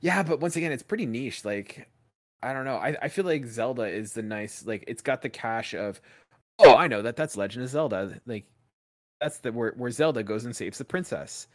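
A man talking casually on a podcast from a remote call. His pitch swings widely as he talks, and he rambles, stacking fillers as he works through his thoughts. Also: moderate pace. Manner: rambling, animated, lots of "like" fillers. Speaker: podcast co-host. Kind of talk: casual chat.

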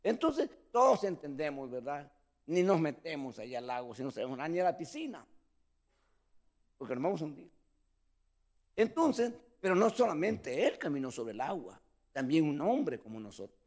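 A man preaching a sermon as pastor, calling listeners brother and acting out the scripture scene. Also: moderate pace. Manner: preaching with lively pitch swings, addressing listeners as brother.

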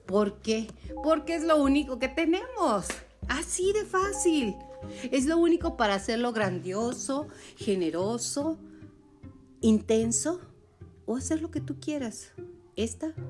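A woman hosting a podcast, giving a motivational talk and acting out everyday complaints in quoted voices. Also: fairly high pitch. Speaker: podcast host.

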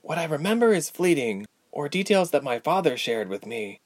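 Male narrator voicing a young woman with visions; high, anxious, animated. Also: moderate pace, no room sound. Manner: anxious, pleading, rising to anger. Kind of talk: audiobook character voice.

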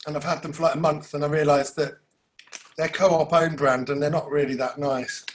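A man's voice: on the high side, level tone, normal speed, slight background noise. A man on a comedy panel, rambling and self-mocking over a video call.

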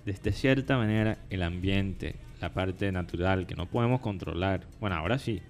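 A man with English as his first language hosts a casual, opinionated chat. His voice is a little low, and he often stops to search for words or repeat a phrase. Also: normal speed, soft background music. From United States. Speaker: show host.

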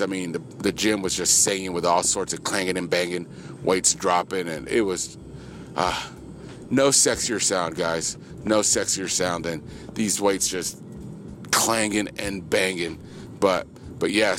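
A man coaching at a gym, recapping the day's workout for his podcast in a casual, joking way, full of fillers and playful hype. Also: a little hiss or hum. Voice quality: low monotone voice, by his own joke.

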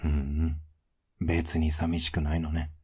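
A man playing a teasing, affectionate young boyfriend in a soft ASMR role-play, with a low, husky voice. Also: completely flat delivery, measured pace, full character voice. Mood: tired, casual. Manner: laid-back, gently teasing, intimate.

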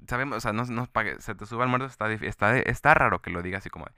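A man's voice: fairly low pitch, rapid-fire, bright, forceful tone, smooth, dry recording, clean studio sound. A young man with a Mexican Spanish accent, talking casually in a rambling monologue full of fillers and restarts. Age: young adult.

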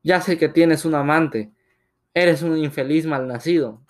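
A man's voice: a little high, a little slow, pitched above the performer's own voice, natural voice. A man voicing an older mother, a betrayed wife who weeps and rages at her husband. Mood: furious. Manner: weeping, distraught and furious.

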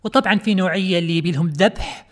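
Fast sarcastic Kuwaiti woman host. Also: lowish voice. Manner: sarcastic, mocking. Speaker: podcast host. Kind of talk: comedic podcast monologue.

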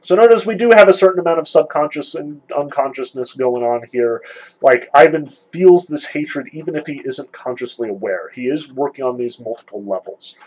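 A man gives an informal literature lecture, speaking loosely with many "like"s and "sort of"s and reading passages aloud from a novel. His mid-range, darkish voice moves at a moderate pace on a low-quality recording.

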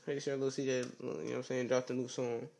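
A young man hosting a casual solo podcast, talking low in a rambling, slangy way with lots of "you know what I'm saying.". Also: little pitch movement, fast, gravelly, darkish tone. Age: young adult. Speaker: podcast host.

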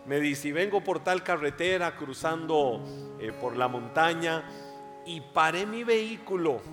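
A Costa Rican pastor preaches with a slightly high voice that rises louder as he presses his points. He speaks very slowly and deliberately. His voice rings through a reverberant hall while soft instruments play underneath. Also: lively intonation. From Costa Rica. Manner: slow, emphatic preaching that swells loud and high. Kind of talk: sermon. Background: soft instrumental music.

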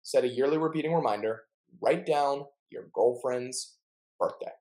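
A man's voice: medium pitch, normal speed, darkish tone, poor audio. A young man co-hosting a casual chat, telling stories in a chatty, jokey way and playfully mangling words. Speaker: podcast co-host.

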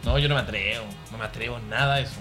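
A man's voice: mid-range voice, rapid-fire, over music. A man with a Chilean accent in casual podcast chat, joking and acting out quoted voices.

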